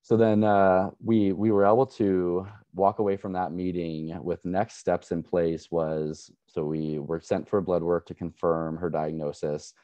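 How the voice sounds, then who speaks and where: A man giving an earnest, measured personal account as a parent at an education session, with frequent restarts. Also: sits low, level tone, mellow, no echo, lo-fi sound. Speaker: parent speaker.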